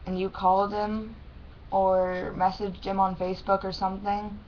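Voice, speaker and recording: A young adult woman with a lisp and thick, swollen-tongue speech, talking haltingly and plainly in a casual personal vlog. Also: medium pitch, level tone. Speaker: vlogger. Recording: dull lo-fi sound with faint noise.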